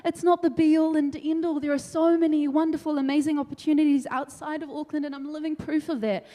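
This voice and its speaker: A young woman from New Zealand giving an energetic, animated debate speech, laughing between points. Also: high voice, a little fast. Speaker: debate speaker. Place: large council meeting hall. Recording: long hall reverb.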